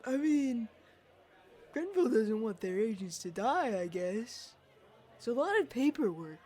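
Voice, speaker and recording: An awkward young agent in an audio drama, played by a woman, who stumbles over her words in slow, thoughtful speech. Her voice sits a little high. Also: very animated, darkish tone. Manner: hesitant, stammering, chatty.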